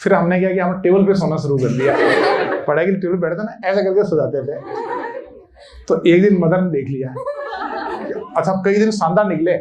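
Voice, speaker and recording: A man's voice: high voice, fairly quick, pauses often, crowd noise. A man telling funny childhood stories in a casual, chatty way, laughing often and checking in with his listeners. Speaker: storyteller recalling childhood. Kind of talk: casual anecdotal storytelling.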